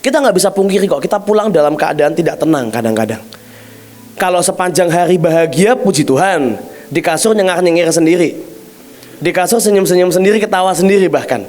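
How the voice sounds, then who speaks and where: A man preaching a sermon in an animated way, swinging between loud bursts and hushed, slow phrases. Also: sits high.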